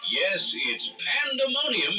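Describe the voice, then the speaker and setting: A male announcer giving old newsreel narration in a brisk, showy announcer delivery. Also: high voice, very animated. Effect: old newsreel archive sound. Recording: distant voice over loud music.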